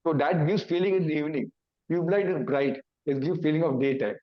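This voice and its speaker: A man with an Indian English accent, whose native language is Hindi, gives an awareness talk using everyday examples, explaining in simple, repeated phrases and acting out confused thoughts. His fairly high voice runs a little fast, with lo-fi sound.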